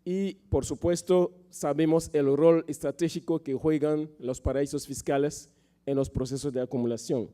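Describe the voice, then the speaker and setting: A man giving a political speech as a panel speaker, with a sore throat he often clears and measured, halting phrasing. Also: fairly high pitch, fairly even intonation, dark tone.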